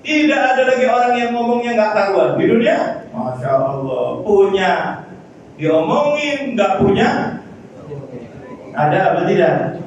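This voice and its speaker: A man preaching a Ramadan sermon, firing rhetorical questions at the crowd and sliding into a drawn-out, chanted prayer cadence. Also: sits high, big pitch swings. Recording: echoey lo-fi sound from far off.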